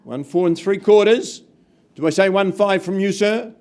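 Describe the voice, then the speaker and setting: Guy doing live auction calls, pretty high voice, punchy counting down the bids to the room. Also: normal speed, a little mellow. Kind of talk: live property auction calling.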